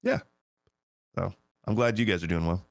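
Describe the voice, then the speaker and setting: A man with school-age kids co-hosting a cooking podcast, congested from a cold and talking in a relaxed, hesitant way. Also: sits low, normal speed, gravelly, dry recording. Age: adult with school-age kids. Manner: relaxed, hesitant with ums and restarts. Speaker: podcast co-host, home cook. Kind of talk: casual chat.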